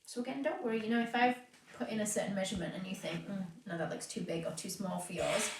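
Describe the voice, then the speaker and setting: Speaking fast at medium pitch, with a loud crowd noted, a cake decorator teaches a live stream from her home. She has a sniffly hay-fever nose and a chatty manner, talking through her steps as she works with frequent fillers. The audio is roomy, distant and faintly noisy.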